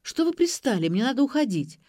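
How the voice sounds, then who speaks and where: A woman doing a shrill, evasive mother. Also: big pitch swings, a little fast, no echo, clean studio sound. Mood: whiny defensive. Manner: whiny, defensive, rising to shouts.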